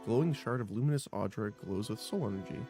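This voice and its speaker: A man streaming a role-playing game, reading its text aloud with expressive narration and quick reactions. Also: on the low side. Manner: expressive narration broken by laughs and small exclamations. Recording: voice over game music.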